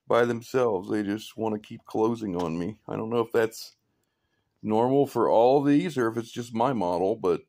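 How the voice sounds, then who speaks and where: Low-voiced man casually showing his builds. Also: creaky. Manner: relaxed and rambling, with fillers and small chuckles. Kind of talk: casual show-and-tell chat. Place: indoor hobby room, filming his own builds.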